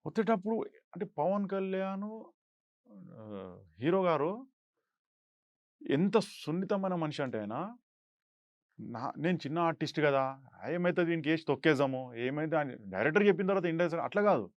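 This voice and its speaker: A young actor tells stories from a film set and breaks into loud, acted-out quotes. His voice sits somewhat high, and the sound is dry and close. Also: sing-song, moderate pace, pauses often, dry recording, highs cut off. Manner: acts out quoted lines in raised voice. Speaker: actor guest. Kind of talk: animated storytelling interview.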